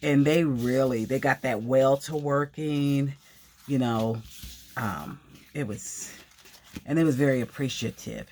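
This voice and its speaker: A woman's voice: a bass voice, steady tone, a little slow, warm tone. An older woman chatting casually to her viewers while she crafts, rambling through stories in a talkative, storytelling way. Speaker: craft vlogger.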